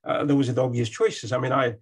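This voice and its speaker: A man's voice: mid-range voice, fairly even intonation, quick pace, husky. An older man from Fiji, a talkative guest on a video call who stammers and restarts. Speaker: guest educator. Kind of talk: casual video-call interview. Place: indoors, bright room.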